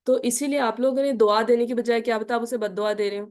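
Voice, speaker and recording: High-voiced woman teaching prayer rules. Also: fairly even intonation, darkish tone. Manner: quizzing listeners with repeated "ٹھیک ہے؟" checks; slow, careful Arabic recitation of the salutation. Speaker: Islamic studies teacher. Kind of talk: online lecture on prayer.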